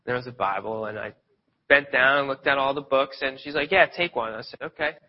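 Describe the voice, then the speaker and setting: This Pennsylvania lay preacher, from near Philadelphia, talks briskly in a mid-range voice. Suffering a cold, he sniffles slightly as he delivers an informal sermon that strays into loose tales with restarts. Audio quality is dull and lo-fi.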